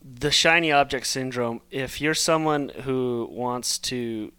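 A man co-hosting a podcast offers measured, thoughtful remarks. His voice is bright and crisp, and it sounds close and dry. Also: mid-range voice, dry recording. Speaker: podcast co-host. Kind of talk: casual podcast chat.

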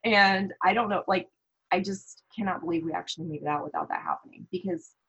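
A woman from the American Midwest talks as a guest in a casual conversation, telling stories and acting out her own thoughts. Her voice is lowish and husky. The audio is dull and lo-fi. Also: fairly quick. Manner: animated storytelling with quoted thoughts. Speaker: podcast guest.

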